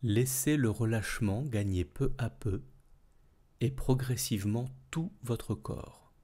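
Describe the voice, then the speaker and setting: In a medium-pitched voice, a male instructor leads a guided yoga nidra session. His delivery is calm and soothing, with measured phrasing and long pauses.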